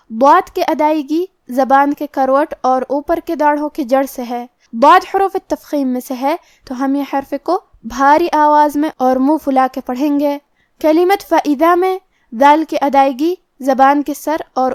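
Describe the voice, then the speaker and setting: Brief: female tajweed teacher, high voice, methodical, dry close mic. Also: dry recording. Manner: slow, methodical explanation of each letter rule. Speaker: Quran recitation teacher. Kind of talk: tajweed lesson explaining rules.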